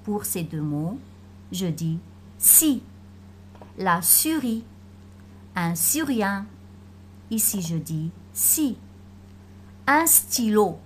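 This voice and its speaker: A woman teacher giving a phonics lesson to children, pronouncing each word slowly and carefully and repeating it for the class. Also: medium pitch, very animated, a little hiss or hum. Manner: slow, carefully articulated, repeating words for pupils.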